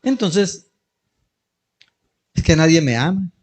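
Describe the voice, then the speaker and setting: A middle-aged male pastor with a Colombian Spanish accent preaches in church. His voice sits a little high for a man. He tells homely anecdotes and jokes with his congregation. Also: big pitch swings, slow pace. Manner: storytelling, joking with the congregation. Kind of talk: sermon.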